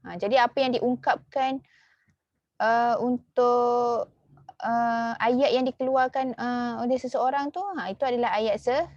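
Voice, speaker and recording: A woman with a Malaysian Malay accent teaching a lesson, filling her talk with "okey" and "ha" and repeating key words slowly. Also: fairly high pitch, darkish tone, no echo, lo-fi sound. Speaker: religious school teacher. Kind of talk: online class lesson.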